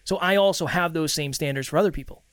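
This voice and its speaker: A man co-hosting a self-improvement podcast, talking to listeners like a motivational life coach, stressing key points with deliberate pauses. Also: on the high side, fairly bright tone, dry recording, clean studio sound. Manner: life-coach delivery, addressing listeners directly. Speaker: podcast co-host.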